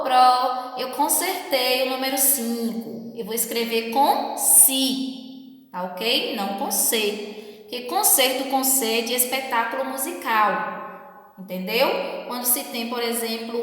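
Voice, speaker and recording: A woman's voice: a little high, fairly bright tone. A woman teacher explaining a grammar lesson in a patient way, often checking in with her class. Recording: echoey room with long reverb.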